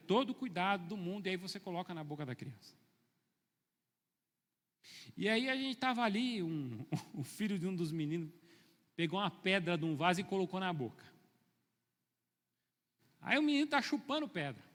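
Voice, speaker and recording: A middle-aged male pastor preaching a sermon, telling stories and swinging from soft asides to loud, emphatic calls. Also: high voice, in a large hall.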